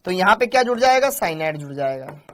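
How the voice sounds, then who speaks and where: A man teaches chemistry in a live online class with a high-pitched, slightly bright, sing-song voice at a fast clip. Chatty and repetitive, he repeats answers, calls the students beta, and praises them by name.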